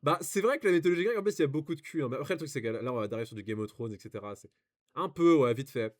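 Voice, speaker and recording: A man's voice: medium pitch, animated, rapid-fire. A young man with a French accent, reading and commenting on reviews in casual, rambling chat full of fillers and restarts.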